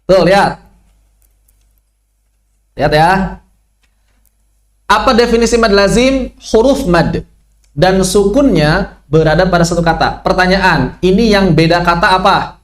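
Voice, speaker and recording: A man's voice: high voice, expressive, measured pace, long pauses. A man teaching Quran recitation rules in an online lesson, asking questions and answering them himself.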